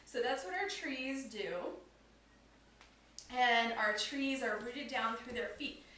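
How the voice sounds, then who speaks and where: Upbeat high-voiced yoga teacher, echoey. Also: female voice, slow, a bit bright, distant mic, a little hiss or hum. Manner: upbeat, instructive, talks to children. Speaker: yoga instructor. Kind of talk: guided kids yoga class.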